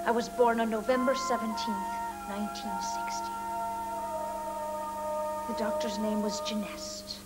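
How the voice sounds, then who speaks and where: A woman's voice: mid-range voice, close to an everyday voice, rough recording. An actress playing a bitter young model who cuttingly accuses the older women around her in a 1980s TV drama. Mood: quiet, wounded. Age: young adult. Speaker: actress in a TV miniseries.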